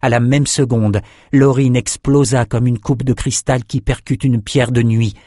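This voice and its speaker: A man narrating an audiobook in a measured, dramatic way, his voice in a middle range. The recording is dry and close, with no room sound. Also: mid-range voice, fairly even intonation, mellow, no echo. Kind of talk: scripted narration.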